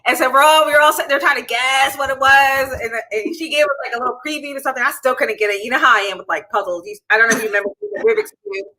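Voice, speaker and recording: A woman's voice: high-pitched, steady tone, rapid-fire, few pauses, bright, forceful tone, low-quality recording. A woman from Pittsburgh hosting a casual live interview show, bubbly and rambling, laughing often. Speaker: livestream show host.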